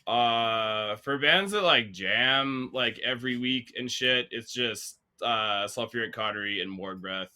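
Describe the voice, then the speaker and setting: A man's voice: mid-range voice, unhurried, few pauses, sharp tone, smooth. A man from Canada, a drummer guest in a casual interview, talking in a laid-back, modest way full of filler words.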